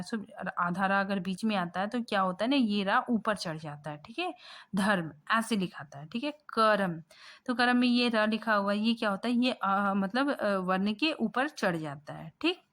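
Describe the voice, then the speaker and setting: A woman teaching a grammar lesson from slides, patient and repetitive, often pausing with fillers and checking in with a rising question. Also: medium pitch, a bit bright. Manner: checks in constantly with "ठीक है?", rising; patient, repeats points, thinks aloud with fillers.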